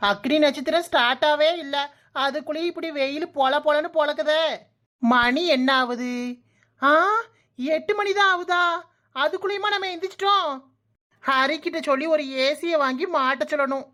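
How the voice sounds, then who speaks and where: Woman voicing a sassy young cartoon daughter-in-law, Kanyakumari Tamil accent, high voice, sarcastic, mutters to herself. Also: moderate pace, pauses often, fairly bright tone. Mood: grumbling. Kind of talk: comic cartoon dialogue.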